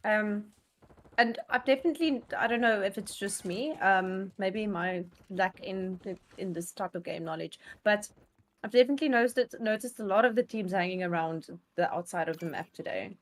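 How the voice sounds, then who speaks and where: A woman's voice: medium pitch, normal speed. A woman with a South African accent giving casual co-commentary on a live gaming stream. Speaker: livestream co-commentator.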